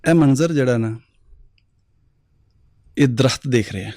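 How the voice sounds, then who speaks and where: A storyteller guest from Pakistan tells moral stories on a talk show, animatedly acting out the lines of the figures in his tales. His mid-range voice moves a little slowly, in a dry, studio-quality recording.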